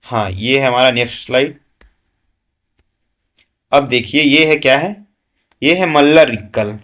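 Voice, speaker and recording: A man's voice: mid-range voice, measured pace, a bit bright. A man teaching a current affairs lesson for exam students, asking questions and answering them himself, with frequent "है ना" checks.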